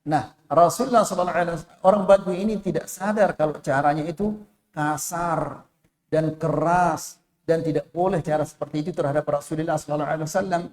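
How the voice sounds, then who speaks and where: A man's voice: on the high side, steady tone, quick pace. A man with an Indonesian accent preaching a sermon in a mosque, telling a story and quoting Arabic, raising his voice when he speaks the figures' lines. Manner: storytelling with Arabic quotations, voicing the figures in a raised voice. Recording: echoey mosque hall.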